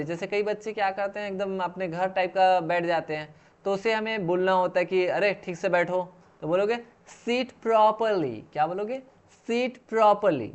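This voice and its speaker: Male English tutor, higher voice, slow and deliberate, repeats each phrase then explains it. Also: smooth. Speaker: English teacher. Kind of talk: spoken English lesson.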